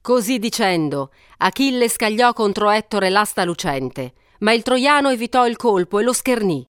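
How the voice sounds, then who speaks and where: A woman narrating an ancient epic in a measured, steady storytelling manner. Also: mid-range voice, smooth, dry recording, clean studio sound.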